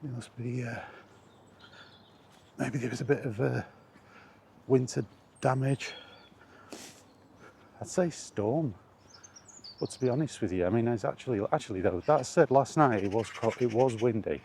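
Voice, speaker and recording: A man with a mid-range, darkish voice and some vocal fry rambles easygoingly to himself as a solo vlogger while walking along streets or paths. He talks a little slowly, pausing often and musing with trailing asides. The outdoor recording is noisy, full of environmental sounds.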